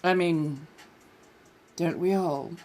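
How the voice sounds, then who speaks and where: Here the Californian livestream host's voice is lowish, slow, steady in tone and somewhat dark. Chatting casually, she puts on a posh colonial American accent with genteel, affected wording, calling listeners dears and darlings.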